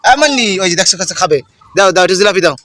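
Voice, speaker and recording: A man's voice: high voice, lively intonation, fast, bright, forceful tone. A playful man teases a little girl and keeps turning to his viewers. It sounds like a phone video shot outdoors in a yard, with plenty of background noise. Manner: teasing, addresses viewers directly. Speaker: vlogger filming a child. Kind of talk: playful family vlog chatter.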